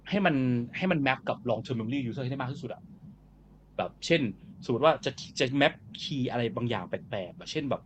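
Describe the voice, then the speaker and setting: A man hosting a casual panel discussion, talking in a relaxed, chatty way with lots of fillers. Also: medium pitch, lo-fi sound, slight background noise. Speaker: podcast host.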